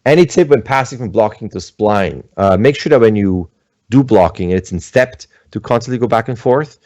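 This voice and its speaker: A man's voice: fairly low pitch, moderate pace, a little mellow, dry recording. A middle-aged man from Switzerland, an animator chatting casually at home on a livestream and answering questions, rambling with many fillers. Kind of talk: livestream talk and Q&A.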